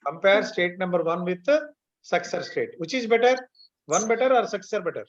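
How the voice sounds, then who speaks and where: Fast, high-voiced Telugu-accented male teacher. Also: animated. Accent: Telugu Indian. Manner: repeatedly checks that students follow; mixes Telugu and English. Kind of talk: online class lecture, explaining step by step. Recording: dull, lo-fi online class audio.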